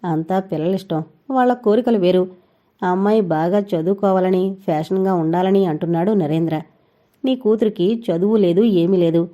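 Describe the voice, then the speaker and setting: A woman's voice: fairly low pitch, moderate pace, highs cut off, lightly acted. A woman voicing a middle-aged mother who speaks bluntly and matter-of-factly, in a storybook reading. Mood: reluctant.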